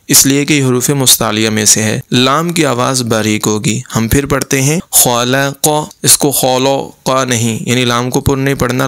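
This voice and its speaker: A man teaching Quran reading, spelling out letters and vowel marks slowly and explaining how to pronounce them. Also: medium pitch, a bit bright, clean tone, no room sound. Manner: slow, deliberate drilling of letter sounds with explanations. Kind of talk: recitation lesson, spelling letters aloud.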